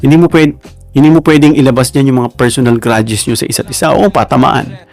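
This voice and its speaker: A man's voice: medium pitch, fast talker, darkish tone, soft background music. A man with a Filipino accent giving casual political commentary, chatty, with constant tag questions and asides to his viewers.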